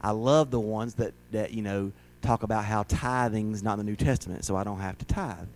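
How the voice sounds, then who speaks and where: A man in his forties preaching a sermon as pastor, swinging between loud emphatic lines and soft asides. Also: fairly low pitch, a little fast.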